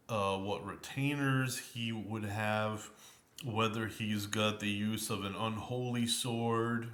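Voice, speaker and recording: Slow rambling guy talking about an old game book, lots of ums, bright tone, echoey room at home. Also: fairly low pitch. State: tired, yawning. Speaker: tabletop game book reviewer. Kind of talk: casual spoken review of a game book.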